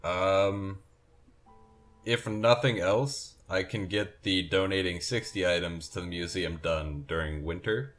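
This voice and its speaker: His voice sits low and carries a slight brightness. He's a tired young man commenting on the farming game he's playing, yawning, rambling, and correcting himself along the way.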